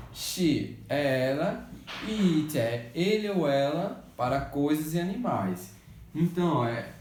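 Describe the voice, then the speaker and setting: A man's voice: mid-range voice, darkish tone, reverberant. A Brazilian man teaching an English lesson in Portuguese. He keeps checking with his pupils and answers his own questions. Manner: patient, repeats checks like "tá certo?" and "beleza?"; asks questions and answers them himself. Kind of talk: remote school lesson.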